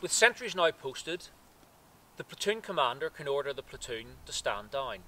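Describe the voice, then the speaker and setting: A man in his thirties, a cadet force instructor, gives a scripted military lesson outdoors in woodland, speaking in a measured, precise way, recorded by a camera some distance away. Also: medium pitch, big pitch swings, pushed and bright, a little hiss or hum.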